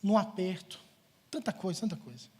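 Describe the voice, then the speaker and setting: A middle-aged pastor preaches in church, his voice sitting high for a man with a husky, breathy edge. He tells a personal story with lively swings between loud, urgent passages and soft, hushed ones. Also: brisk. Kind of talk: sermon.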